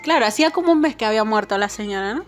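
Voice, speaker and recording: A woman's voice: on the high side, lively intonation, racing, faint music behind. A woman casually telling a personal paranormal story to her viewers, chatty and full of fillers and little "right?" tags. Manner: chatty, filler-heavy, keeps asking "¿no?". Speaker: channel host.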